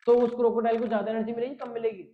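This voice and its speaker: Man, high voice, biology teacher, joking and teasing, mix, dull lo-fi audio. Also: flat delivery, rapid-fire. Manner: jokey, teasing, talks straight to students. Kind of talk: online class lecture reading chat questions.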